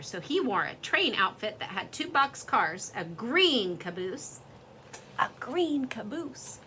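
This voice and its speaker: A woman reading a children's story aloud in an expressive, lively storytelling way. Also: medium pitch, a little hiss or hum.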